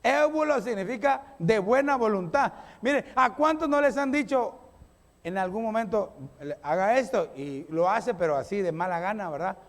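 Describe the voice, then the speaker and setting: A man's voice: high-pitched, moderate pace. A man. He talks straight to the people, urging them on and acting out small everyday scenes. His voice rings through a large hall with a long reverb. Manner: animated preacher addressing the congregation, acting out little scenes. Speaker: pastor. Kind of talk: sermon.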